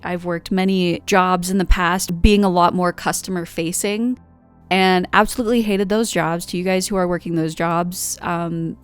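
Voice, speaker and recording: Her voice smooth and on the low side, a US woman in her twenties who makes art vlogs muses openly and meanders through her monologue, leaning heavily on filler words.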